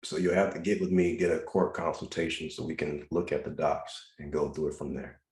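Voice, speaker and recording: A man with a very low, deep voice hosts a live video-call class and fields questions from callers. He speaks in an instructive way and drives his points home through repetition. The sound is roomy, with a noticeable echo around him. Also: little pitch movement, fairly quick, a little mellow. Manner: instructive, repeats advice with emphasis. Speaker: host answering caller questions.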